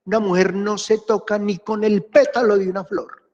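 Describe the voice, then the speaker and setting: A man from Colombia, giving a history lecture and telling stories in a chatty, animated way. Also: high-pitched, moderate pace, big-room sound, muffled recording. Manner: animated, chatty, acts out anecdotes. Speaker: history teacher. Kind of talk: classroom lecture with storytelling. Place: classroom, with hybrid remote class.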